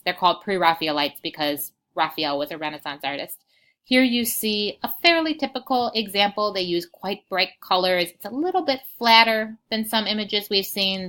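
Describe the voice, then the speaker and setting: A woman's voice: fairly low pitch, fairly bright tone. A young adult woman teaching an art lesson in an informal, explanatory way, a little out of breath. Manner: explanatory, informal, says y'all. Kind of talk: recorded lecture review.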